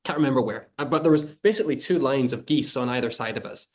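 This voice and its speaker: A man hosting a casual interview podcast, talking fast and spinning an animated anecdote. He sits at a mid pitch for a man and keeps things chatty. His voice comes through a video call. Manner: quick, chatty, animated storytelling. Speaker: podcast host.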